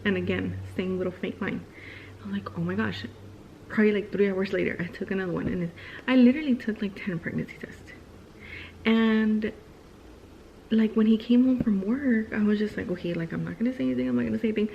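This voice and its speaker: A young woman chats through a personal story in a loose vlog style, filling her sentences with "like" and acting out what people said. Her voice sits at an ordinary middle pitch. The recording is a little dull, with a faint noise underneath. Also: a little fast, vocal fry. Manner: chatty, heavy use of "like", acts out quotes. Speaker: vlogger. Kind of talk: casual storytime chat.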